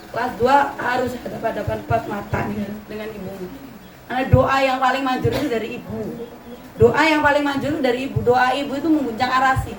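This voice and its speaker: Female religious teacher, middle-aged, Javanese accent, folksy storyteller; far-off mic in an echoey pavilion with steady ambient noise. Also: a little high. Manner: anecdotal, chatty, mixes in Javanese words. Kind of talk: religious study talk to mothers. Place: open pavilion hall. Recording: roomy echo, distant mic, ambient noise.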